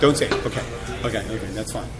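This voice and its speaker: A man in his fifties hosting a casual chat, animated and joking as he rambles from one story to the next. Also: on the low side, quick pace. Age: 50s. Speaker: host. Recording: loud crowd chatter behind.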